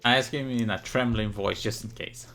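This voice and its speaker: A man's voice: medium pitch, steady tone, moderate pace, a bit bright, soft background music. A man hosting a casual playthrough of a visual novel, reading the hero's lines aloud with wry asides. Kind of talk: casual game commentary and reading.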